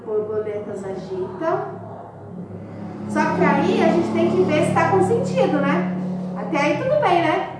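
A woman's voice: very high-pitched, animated, far from the mic, over loud music. Teacher woman in an echoey classroom. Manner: explains slowly, counts syllables aloud. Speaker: schoolteacher. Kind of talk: classroom instruction. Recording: echoey room, recorded from afar.

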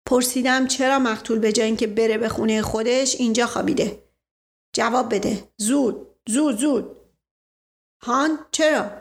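A woman voicing a bullying, suspicious male police inspector who barks orders and keeps demanding quick answers. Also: a little high, close to an everyday voice.

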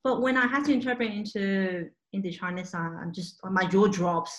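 A young Australian interpreting student who grew up with Cantonese chats casually at a moderate pace in a medium-pitched voice, telling animated stories packed with fillers. The recording is muffled and has a roomy echo.

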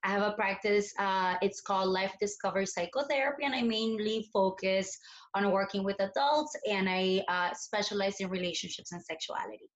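A woman from Colombia, speaking as a guest therapist in a relaxed podcast conversation. She explains patiently and thoughtfully, with frequent "you know"s. The sound is a little dull and lo-fi. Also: medium pitch, fairly quick.

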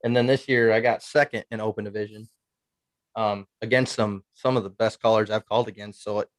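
A man's voice: fairly low pitch, fairly even intonation, fairly quick, no echo. A man in his twenties chatting casually on a video call, telling a rambling story at an easy pace. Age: 20s. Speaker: guest turkey caller. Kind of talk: casual chat.

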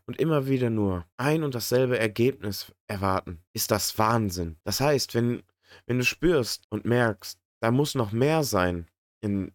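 A man's voice: mid-range voice, lively intonation, a little slow, no echo, clean studio sound. A man in a motivational monologue who speaks earnestly and directly to the listener. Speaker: podcast host.

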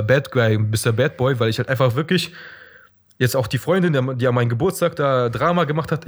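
A young man talking bluntly and crudely in a casual podcast chat, ranting about people he knows. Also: medium pitch.

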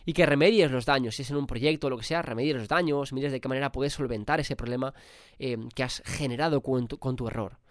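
A man's voice: medium pitch, fast, no echo, clean studio sound. Spanish man with a cold, motivating. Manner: emphatic, casual swearing. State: has a cold. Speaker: podcast host. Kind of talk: motivational podcast monologue.

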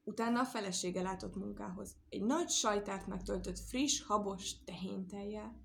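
Lady reading a kids' story out loud, lively, little bit of hiss behind. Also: mid-range voice, creaky. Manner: lively, expressive read-aloud with sound words.

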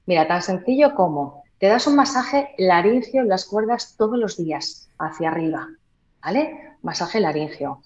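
A woman voice therapist explaining in a podcast interview, demonstrating by changing her volume and slowing down. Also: fairly low pitch, expressive, darkish tone, muffled recording. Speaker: voice therapist and trainer.

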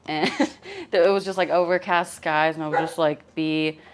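Low-voiced young woman chatting openly. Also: steady tone, moderate pace, a little hiss or hum. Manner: friendly, open and chatty, laughs often. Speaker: podcast guest, musician and producer. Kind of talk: casual interview chat.

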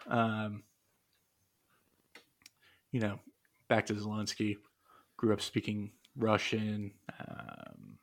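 This casual podcast's co-host has a gravelly, lowish voice. Reading from his notes, he muses aloud, rambling and hesitating with lots of fillers and false starts.

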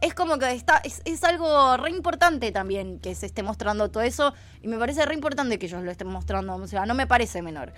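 An Argentine woman talks casually on a live stream. Her voice sits a little high and her talk is loose and full of slang and fillers. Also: lively intonation, a little fast, hardly any pauses, fairly bright tone, soft background music. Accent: Rioplatense Argentine Spanish. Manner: chatty, slangy, many fillers. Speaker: stream co-host.

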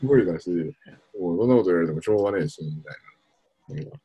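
Young male podcast co-host, low and mellow, lively swooping delivery, self-mocking rambler, faint noise under the track. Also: racing, gravelly. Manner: rambling, animated storytelling with self-mocking laughs. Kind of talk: casual chat.

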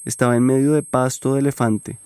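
A man narrating a documentary podcast from a script, in a measured, even way. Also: mid-range voice, clean tone, no room sound, clean studio sound.

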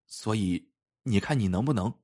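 A man reading the part of a nervous young male scholar who quietly begs his friend for help. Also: on the low side, animated, a little fast, breathy edge. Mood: pleading.

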